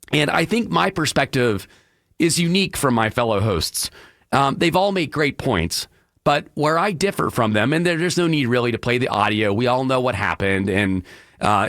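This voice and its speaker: A male radio talk show host with a hoarse, congested, frog-throated voice, projecting hard from the diaphragm in an emphatic, opinionated solo monologue from a radio studio. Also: a bit bright, no room sound. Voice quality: deeper than usual, frog-throated.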